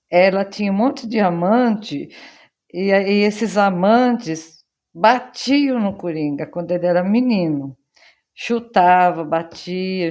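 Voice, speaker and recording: A woman's voice: medium pitch, a little mellow, lo-fi sound. A Brazilian woman casually retelling a film's plot as a vlogger, rambling from one event to the next. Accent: Brazilian Portuguese. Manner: rambling storyteller, chains events with "then".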